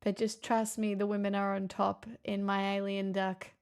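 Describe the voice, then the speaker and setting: A woman livestreamer chats casually with her viewers, playful, teasing and poking fun at herself. Her mid-range voice is monotone and darkish, at a normal pace, and the sound is clean.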